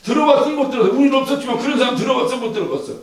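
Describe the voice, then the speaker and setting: A male pastor giving a sermon in a church. He is animated, chuckles as he preaches, and asks the congregation questions. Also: extremely high pitch, racing. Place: church sanctuary. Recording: echoey church hall from far off.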